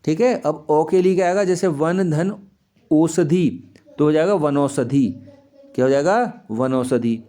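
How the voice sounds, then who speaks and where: A man gives a grammar lesson to young students, his voice sitting a little high. He asks the class a question, then answers it himself. He goes over each example slowly, stretching out the key sounds. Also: dark tone. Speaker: teacher. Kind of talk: Hindi grammar lesson for children.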